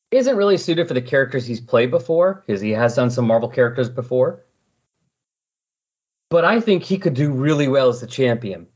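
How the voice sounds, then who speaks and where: In a relaxed, enthusiastic comic book chat that resembles a podcast guest spot, a man speaks with a husky mid-range voice. The audio comes through muffled and lo-fi.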